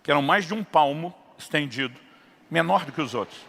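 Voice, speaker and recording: A middle-aged pastor from São Paulo state, Brazil, preaches with a Brazilian Portuguese accent, acting out dialogue in a story before building to impassioned preaching. His voice is a little high, fairly bright, brisk, and very animated with vocal fry, carried by the long reverb of a church hall.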